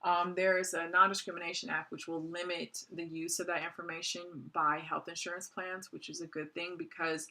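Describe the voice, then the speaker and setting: A woman's voice: on the low side, little pitch movement, a little fast, hardly any pauses, pushed and bright. A woman in her forties giving a recorded course lecture in a conversational way, with many "um" fillers. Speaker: college lecturer.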